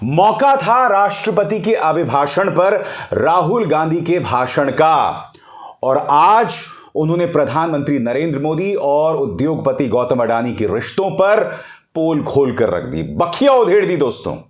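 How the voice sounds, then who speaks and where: A man's voice: fairly high pitch, expressive, a little slow, roomy sound. A man giving opinionated political commentary, speaking emphatically and often turning to his viewers as friends. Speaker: news commentator.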